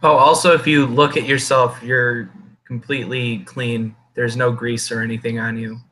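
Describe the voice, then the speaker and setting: A man narrating a tabletop game as game master, improvising in a halting way. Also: mid-range voice, level tone, fairly bright tone, slight background noise.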